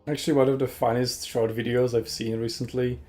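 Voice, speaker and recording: Man, esports caster, casual chat, jokey, rambling, mid-pitched. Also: level tone, a little fast, mellow, faint music behind. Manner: chatty, jokey, rambling with fillers. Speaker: tournament caster.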